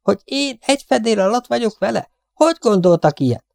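A man voicing a stout, superstitious female cleaning woman who rambles on in a shrill, high put-on voice in an audiobook. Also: animated, gravelly, darkish tone, dry recording, studio quality. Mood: shrieking.

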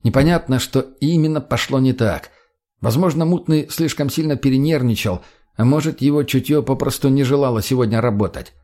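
A man narrating an audiobook in a steady, plain storytelling manner. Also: mid-range voice, brisk.

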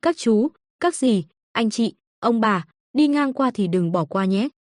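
A woman voicing a small, sick, obedient boy in a soft, childlike, pleading voice. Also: fairly high pitch, expressive, a little slow, no echo, clean studio sound. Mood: sweet hawking.

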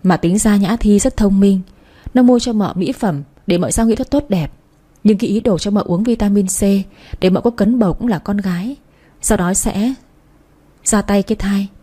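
A woman's voice: medium pitch, moderate pace, mellow, breathy edge. A woman narrating a dramatic story, with a storyteller's moralizing asides.

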